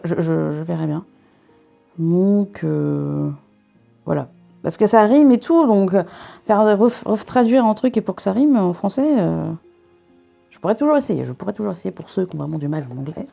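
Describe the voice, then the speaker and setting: Her voice sits in the mid range, creaky yet mellow. Reviewing a subscription box for her vlog, this young woman from northern France close to the Belgian border keeps things casual and playful, interrupting herself often and slipping in jokes as she unboxes.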